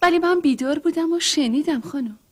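A woman's voice: high voice, darkish tone, close to an everyday voice. A woman voicing a timid, sickly young rich girl in a dubbed cartoon, anxious and pleading.

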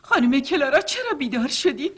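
A woman's voice: high-pitched, very animated, slight background noise. A woman voicing a strict, fussy middle-aged governess in a dubbed cartoon, bossy and easily flustered.

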